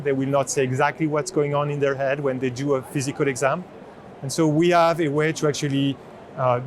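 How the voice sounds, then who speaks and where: A chief product officer with a slightly high voice gives a spontaneous product demo at a trade show booth in a large exhibition hall. He explains earnestly, often pausing and repeating words. The busy convention hall is noisy behind him.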